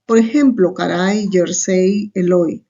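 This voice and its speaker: Slow and steady, a woman with a fairly low, warm voice explains a recorded online lesson one step at a time. Her Salvadoran Spanish accent comes through as she often adds a questioning remark, all on a muffled lo-fi recording.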